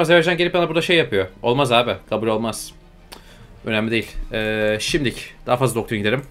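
Brief: rapid-fire young male gamer, mid-pitched, chatty and grumbling. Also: a bit bright. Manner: exasperated, grumbling at the game, slangy. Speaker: gaming YouTuber. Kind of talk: casual let's-play commentary.

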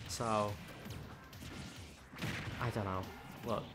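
A man's voice: on the low side, steady tone, drawn-out words, loud music behind the voice. A man, co-commentating casually, blunt and distracted, swearing often. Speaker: tournament organizer and co-commentator. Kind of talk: casual commentary and stream chat.

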